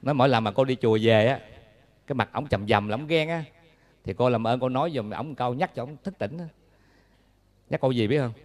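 A man's voice: mid-range voice, quick pace, pauses often, darkish tone. A man with a Southern Vietnamese accent, a Buddhist monk giving a dharma talk in a folksy, humorous way, telling stories and asking the audience questions.

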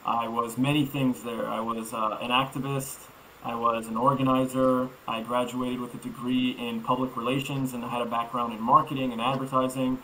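A man's voice: mid-range voice, flat delivery, moderate pace, bright, forceful tone, poor audio. A man in his thirties from Iraq, raised in Florida, answering interview questions fluently and upbeat over a video call. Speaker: guest developer. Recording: faint ambient noise.

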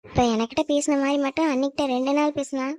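A woman voicing a playful, teasing young sister in a cartoon family drama, talking quickly. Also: high voice, steady tone, a little mellow, no echo, lightly acted.

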